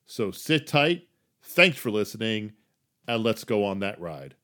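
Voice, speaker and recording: A middle-aged New Jersey man hosts a casual solo podcast, chatty and self-deprecating, veering between loud emphasis and quiet asides. His voice is on the low side, sing-song, and unhurried.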